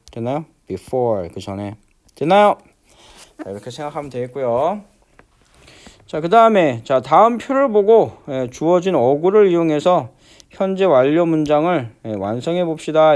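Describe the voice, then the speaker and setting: A man teaching an English grammar lesson, walking through exercises step by step and constantly asking whether students follow, stretching out the English words slowly. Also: on the high side, darkish tone. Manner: repeats check-in questions, many fillers; slows down to spell out English words.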